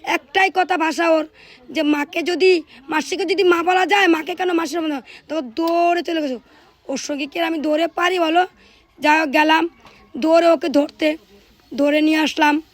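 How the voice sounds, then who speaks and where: Chatty high-voiced mother addressing viewers. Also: steady tone, normal speed. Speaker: vlogger, mother of three. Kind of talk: casual household vlog narration.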